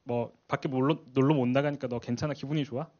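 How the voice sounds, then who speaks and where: Fast-talking man giving a church parenting talk. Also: mid-range voice, fairly even intonation, mellow, muffled recording. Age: 40s. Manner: chatty, laughs often, acts out quoted lines. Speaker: parenting class speaker at a church.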